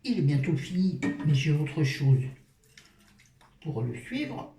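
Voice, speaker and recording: A woman's voice: sits low, very animated, slow pace, dark tone, far from the mic. A middle-aged woman talking through her skincare routine at a washbasin, chatty and joking, poking fun at herself and swearing casually. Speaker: beauty vlogger. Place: at a washbasin indoors. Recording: roomy sound, voice off-mic.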